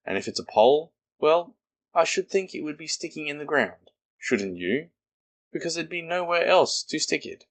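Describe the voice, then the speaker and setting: A man's voice: a little high, expressive, normal speed, voice pushed up, close to an everyday voice. A man voicing Rabbit, a fussy, bustling male rabbit.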